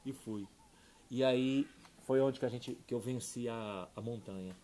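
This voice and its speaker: Middle-aged pastor giving heartfelt testimony. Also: male voice, measured pace. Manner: heartfelt, swings from soft and low to loud and excited. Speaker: pastor and podcast guest. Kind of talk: emotional personal testimony.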